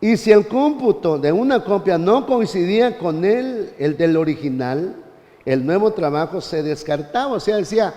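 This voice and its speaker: A man teaching a church Bible class, animated, often turning to his listeners as brother. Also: high-pitched, moderate pace, in a large hall, highs cut off.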